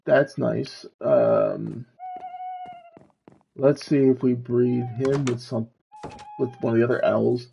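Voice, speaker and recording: A man with a mellow, dark voice and a gravelly edge talks himself through a video game stream. He speaks slowly and muses aloud as he plays. The mic sounds a little dull, with faint background noise. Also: medium pitch. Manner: slow, musing, talks to himself while playing. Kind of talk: casual gameplay commentary.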